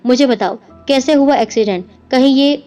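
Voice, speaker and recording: A woman voicing a frightened, tearful young wife who speaks softly and anxiously. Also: high voice, natural voice. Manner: soft, anxious. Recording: dull lo-fi with music behind.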